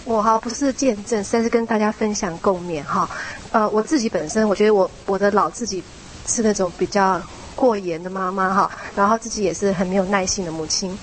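A woman, a mother, sharing her own story in a church small group, chatty, with a soft tag particle at the end of her phrases. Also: mid-range voice, brisk, slight background noise, low-quality recording.

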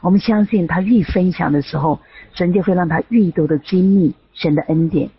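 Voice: medium pitch, moderate pace. A host of an online prayer room giving closing remarks after the testimonies. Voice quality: very husky. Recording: muffled lo-fi online voice chat.

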